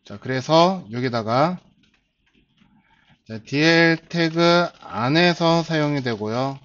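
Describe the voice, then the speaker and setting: A man's voice: a little high, animated, a bit bright. Patient man lecturing, lo-fi recording. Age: 40s. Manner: starts phrases with a drawn-out filler, slow and patient. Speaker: instructor. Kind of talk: classroom lecture.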